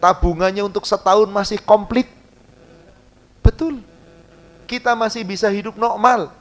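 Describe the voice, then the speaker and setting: A male preacher, giving a sermon that chants Arabic verses slowly, explains them in casual speech and puts questions to the congregation. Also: high voice, steady tone.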